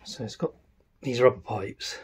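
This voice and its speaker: A vlogger restoring a classic van walks around it in a workshop, chatting curiously and thinking aloud. His medium-pitched voice moves a little slowly, with a faint hiss or hum in the recording.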